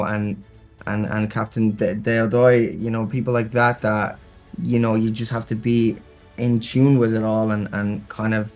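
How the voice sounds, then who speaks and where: An Irish actor answering interview questions, hesitant and full of restarts. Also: male voice, lowish voice, lo-fi sound. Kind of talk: press interview.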